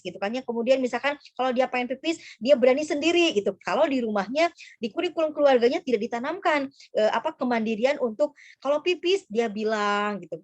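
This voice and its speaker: A woman speaks as a school psychologist, talking to parents about raising young children. Her voice sits high, and her delivery is loose and chatty, full of fillers and restarts. The sound is dry, with no room echo, as on a video call. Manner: informal, many fillers and restarts. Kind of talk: parenting talk to mothers.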